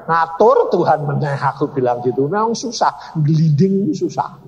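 Lively Javanese-accented man preaching. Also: on the high side, moderate pace, breathy edge. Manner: animated, acts out dialogue in many voices. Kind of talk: storytelling sermon. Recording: reverberant hall, dull lo-fi sound.

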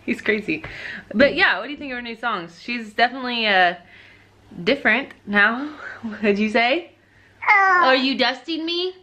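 Bright, chatty young mom vlogger. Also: female voice, expressive, moderate pace. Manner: chatty, talks in a high sing-song to her baby. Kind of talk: casual home vlog. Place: at home, then by car at a park.

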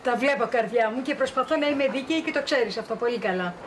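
High-pitched woman playing a mom, sweet and calming, faint background noise. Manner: soothing, affectionate. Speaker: mother in a TV drama. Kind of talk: acted TV drama dialogue.

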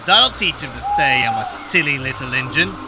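A man's voice: mid-range voice, sing-song, normal speed, muffled recording, very noisy, lightly acted. A man voicing a cheeky, playful small male steam engine in a storybook reading. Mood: mischievous. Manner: playful, spooky wailing when pretending.

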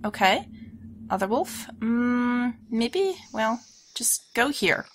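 A woman's voice: fairly high pitch, very animated, slow. A woman with a scratchy, sore-throat voice gives casual video game commentary as host, chattily thinking aloud as she plays. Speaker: host of a let's play series.

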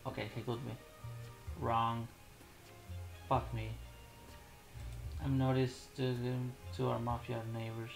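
Gravelly slow-talking man playing a game. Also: mid-range voice, flat delivery, soft background music. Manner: rambling, muttering, frequent restarts, bursts of laughter. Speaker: gaming YouTuber. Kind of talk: casual gameplay commentary.

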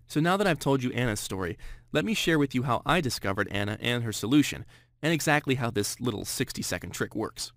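A man's voice: mid-range voice, expressive, fairly quick, fairly bright tone, dry recording, studio quality. A man in his thirties telling a personal story as a scripted sales narration, in an earnest tone. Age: 30s.

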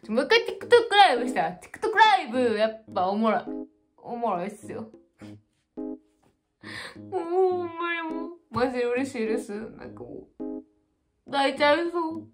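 A very high-pitched, animated woman with a Kansai Japanese accent, chatting on a livestream while drunk. She rambles and repeats herself, with faint music behind her. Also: normal speed. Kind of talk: casual livestream chat.

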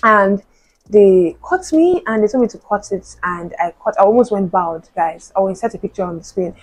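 A woman's voice: on the low side, darkish tone, rough recording. A young woman, a university student chatting casually to camera, full of "like" and "you know". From Nigeria. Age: young adult. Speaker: vlogger.

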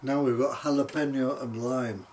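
A man in his sixties with a mid-range, darkish voice and fairly even intonation does a tasting challenge for his vlog, eating very hot jelly beans and reacting to the chilli heat between mouthfuls. His commentary is casual and halting, picked up by a camera a few metres away in a small, cluttered home office, with a little hiss or hum.

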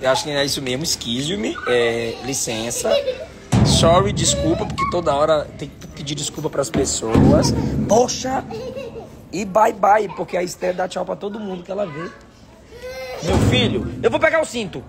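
A Brazilian pastor vlogging a trip in a busy airport, chatty and exasperated, often laughing. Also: male voice, sits high, big pitch swings, moderate pace. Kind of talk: casual travel vlog to camera.

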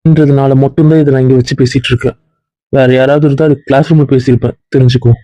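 A man's voice: mid-range voice, steady tone, fast talker, mellow, no echo, natural voice, poor audio. A man playing a stern male college dean who lectures and reproaches a student, in a web series drama. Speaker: actor.

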